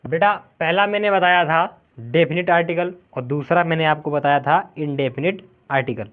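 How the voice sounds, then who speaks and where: A man teaching a grammar lesson, explaining slowly, drawing out the example words and often checking whether the class follows. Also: fairly high pitch. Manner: explains slowly, keeps asking "clear?". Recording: tinny phone-like sound.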